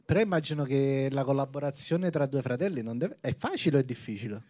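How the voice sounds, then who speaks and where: A man's voice: mid-range voice, lively intonation, quick pace, a little mellow. A man interviewing guests in casual chat.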